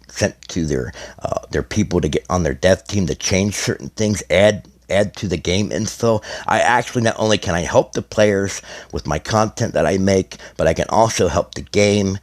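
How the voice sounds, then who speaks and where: Deep-voiced man rambling about a game. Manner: rambling, many restarts and fillers. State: slightly hoarse, losing his voice. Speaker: gaming content creator. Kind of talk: casual explanatory gaming video.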